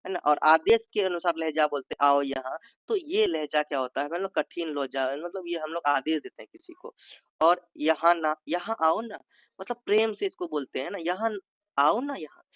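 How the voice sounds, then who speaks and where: A man with a slightly high voice teaches an exam-prep lesson, repeating each point and acting out sample sentences in different tones. The recording is dry, with no room sound. It is also a little dull and muffled. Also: a bit bright, dry recording. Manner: repeats points, says "ठीक है" often, acts out sample tones. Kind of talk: explanatory Hindi lesson.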